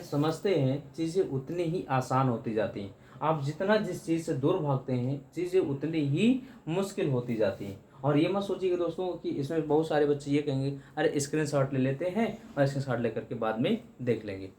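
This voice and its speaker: A man's voice: fairly high pitch, animated, moderate pace, hardly any pauses, darkish tone, reverberant, slight background noise. A man teaching English grammar in Hindi for exam prep, repeating key terms and often addressing students as friends.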